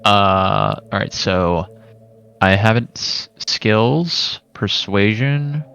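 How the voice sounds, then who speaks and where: Slow, low-voiced wry man. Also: animated, creaky, fairly bright tone, clean tone, lo-fi sound, soft background music. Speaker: tabletop game player. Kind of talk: casual in-game chat.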